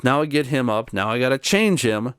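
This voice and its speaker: A man's voice: medium pitch, expressive, brisk, clear, resonant tone, dry recording, studio quality. Weary man retelling an ordeal. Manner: weary, exasperated retelling of events. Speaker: channel host. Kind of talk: casual storytelling to camera.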